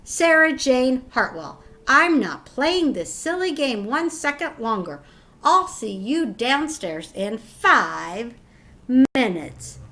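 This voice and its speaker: A woman's voice: high voice, very animated, takes it slowly, pushed and bright, exaggerated voice. Woman as a coaxing, exasperated storybook parent. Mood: exasperated, firm. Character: patient but exasperated parent coaxing a reluctant child. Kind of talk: children's picture-book read-aloud.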